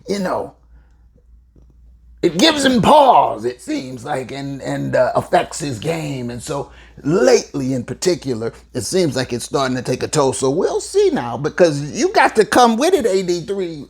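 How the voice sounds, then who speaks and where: Slow-talking hoops podcast host, husky voice, big swoopy pitch, talks right at you. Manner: emphatic, drawn-out words for emphasis; talks straight to listeners. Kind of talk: solo sports commentary.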